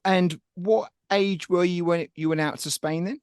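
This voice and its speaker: A man's voice: high voice, steady tone, unhurried, smooth, dry recording, clean studio sound. A man hosting a podcast, chatting loosely with a guest and rambling as he frames his questions. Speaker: podcast host. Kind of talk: casual podcast interview.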